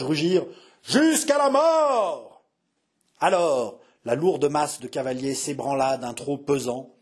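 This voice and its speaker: Male narrator, mid-range pitch, measured and dramatic audiobook reading. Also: a little mellow.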